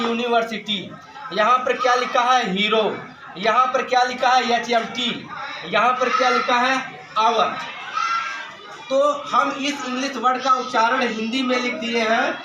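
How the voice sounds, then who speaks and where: A man's voice: very high voice, steady tone, moderate pace, highs cut off. A male teacher giving a grammar lesson, asking questions and answering them himself, and calling his students "beta". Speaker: school English teacher. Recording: echoey room from far off, noisy.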